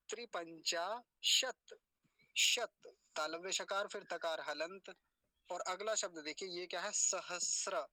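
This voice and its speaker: A man gives a patient pronunciation lesson, breaking each word into syllables and saying it again and again at a careful, slow pace. His voice is bright and forward. The sound is dry and close. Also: high voice, no room sound. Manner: slow, deliberate syllable-by-syllable demonstration; patient, explanatory, repeats words for practice. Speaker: Sanskrit pronunciation teacher. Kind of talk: spoken lesson.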